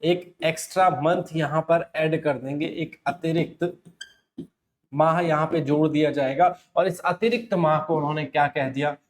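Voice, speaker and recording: A Rajasthani man teaches a competitive-exam class in that carries a tinge. His voice sits slightly high, and he keeps posing questions and answering them himself. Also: steady tone, moderate pace. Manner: explanatory, asks and answers himself, frequent "है ना". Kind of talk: classroom lecture.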